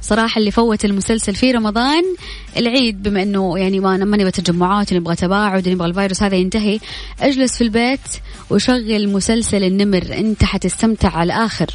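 Fast-talking Saudi woman radio quiz host. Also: medium pitch, fairly even intonation. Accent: Saudi Hejazi. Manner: chatty, congratulatory. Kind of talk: live radio quiz presenting, announcing winners and prizes. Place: radio studio with music behind.

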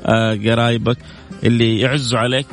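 A man's voice: medium pitch, little pitch movement, a little fast, faint music behind. A man hosting a radio call-in show, giving earnest family advice and reading out listener messages.

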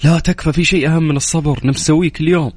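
A man's voice: fairly high pitch, fairly even intonation. A young man with a Saudi accent hosting a radio quiz call-in show, teasing callers playfully. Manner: teasing, playful, counts down quickly.

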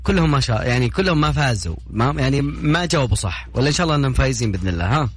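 Man, radio quiz host, very fast, lively pitch, teasing banter, music bed underneath. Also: slight background noise. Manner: rapid, playful and teasing with callers. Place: radio studio. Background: background music bed.

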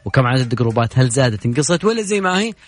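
A young man with a Saudi Gulf Arabic accent hosts a casual late-night radio call-in show from a studio, speaking into a studio mic with dry, studio-quality sound and faint music behind. His mid-range voice is very animated and racing as he chats, jokes and reads listener messages aloud.

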